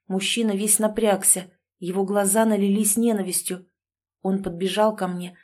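Woman audiobook narrator, mellow and even, measured storybook reading. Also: medium pitch.

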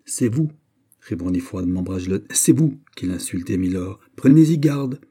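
A man reading aloud, voicing a calm, cold and proud young French nobleman in an audiobook. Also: lowish voice, normal speed, breathy edge.

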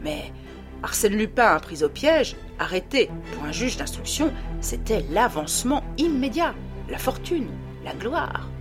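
A woman reading a novel aloud as an audiobook, with expressive storytelling narration. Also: mid-range voice, unhurried, music in the background. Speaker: audiobook reader. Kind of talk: scripted narration.

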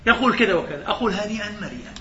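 A man's voice: high voice, lively intonation, very fast, sharp tone, a little hiss or hum, pitched above the performer's own voice, exaggerated voice. A male lecturer voicing a fretful, self-pitying deaf old man with a raised, pleading voice, in a roomy, slightly dull recording. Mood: rehearsing.

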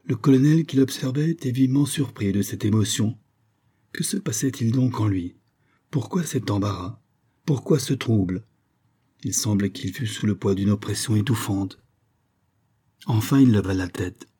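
Male narrator for a classic novel audiobook, dark and husky, steady delivery. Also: lowish voice, normal speed.

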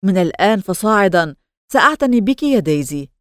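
A woman's voice: mid-range voice, sing-song, brisk, clean tone, no echo, clean studio sound, natural voice. A woman reading as a blustering rich husband. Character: brash wealthy husband, man, domineering.

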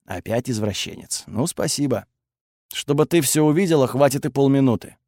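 A man voicing a calm, patient young male hero who talks in a coaxing, steady way. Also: on the high side, a little fast, no echo, studio quality, close to an everyday voice.

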